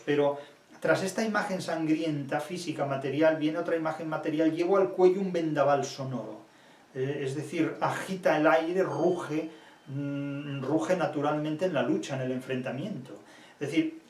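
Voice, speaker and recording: Male professor, fairly high voice, emphatic lecture, roomy echo, slightly off-mic. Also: darkish tone, distant mic. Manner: emphatic, repeats himself, recites verse. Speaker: literature professor. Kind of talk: spoken lecture on poetry.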